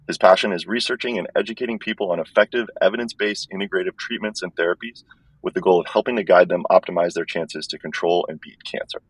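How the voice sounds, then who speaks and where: Very deep man's voice, tinny and metallic. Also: fast, slightly rough, no room sound. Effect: thin, tinny, tin-can sound. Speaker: podcast host. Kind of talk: conversational podcast introduction and interviewing. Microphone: wireless earbuds. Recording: tinny earbud microphone audio.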